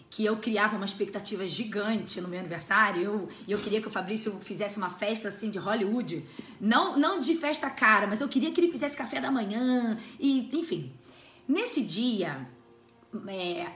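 A woman with a Brazilian accent telling a personal church testimony in a lively way, laughing often. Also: fairly high pitch, reverberant. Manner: lively, laughs through her story. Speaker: church speaker sharing a testimony. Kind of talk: casual storytelling talk.

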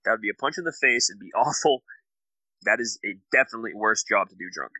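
Bright, expressive man on a podcast. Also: on the low side, fast, no echo, low-quality recording. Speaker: podcast co-host. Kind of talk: casual comedic banter.

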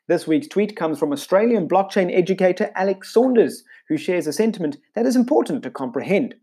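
A man presenting a scripted weekly crypto news roundup, punching out headlines with brisk emphasis. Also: sits high, breathy edge. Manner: brisk newsreader delivery with lively emphasis on headlines.

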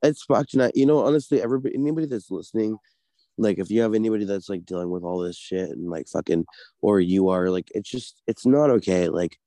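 A man's voice: low-pitched, fast, dark tone, no room sound. A man co-hosting a casual podcast, ranting in a heated, profane way. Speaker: podcast co-host.

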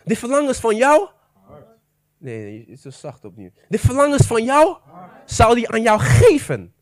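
A high-voiced man preaches with a lively, swooping delivery, firing questions at his congregation and slipping into English phrases. The sound is close and dry. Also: no echo. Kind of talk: sermon.

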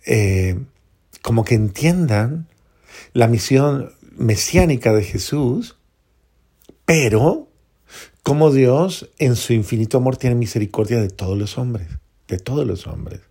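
A man preaching a homily as a priest, earnest, repeating phrases for emphasis and dropping to soft prayerful tones. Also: mid-range voice, animated, takes it slowly, breathy edge.

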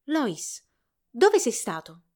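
A woman's voice: high voice, wildly swooping pitch, extremely slow, darkish tone, voice pushed up, full character voice. A woman voicing a shy, sweet young peasant girl who speaks timidly. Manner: timid, breathless.

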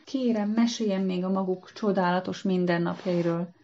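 A woman's voice: fairly low pitch, fairly even intonation, mellow, highs cut off, slight background noise, lightly acted. A woman voicing a humble, naive hooved creature in a storybook reading, speaking in an eager, earnest and polite way.

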